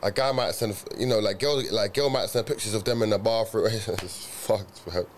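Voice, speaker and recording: A man's voice: lowish voice, normal speed, slight background noise. A young man, chatting casually, rambling and agreeing in slang. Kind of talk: casual podcast chat.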